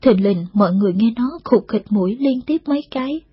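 Breathy woman narrating a story. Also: a little high, no echo. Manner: steady, unhurried storytelling, voices every character. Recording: dull, dry lo-fi recording.

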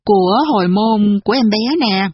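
A woman voicing a kind masked nobleman who hands a lost child back to her mother, in a gentle tone. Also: medium pitch, normal speed, husky, dry recording, lo-fi sound, lightly acted. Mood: kindly.

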